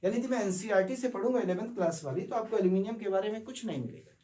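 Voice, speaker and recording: Man, chemistry lecture, self-answered questions, mellow tone, roomy echo. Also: high-pitched, rapid-fire, far from the mic. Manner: explains step by step, asks and answers own questions; mixes English terms into speech. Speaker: chemistry teacher. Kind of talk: classroom lecture. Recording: echoey room, voice off-mic.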